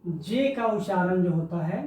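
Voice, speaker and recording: A teacher giving a slow pronunciation lesson, saying example words one at a time and repeating them. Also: mid-range voice, dark tone. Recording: echoey room, far from mic.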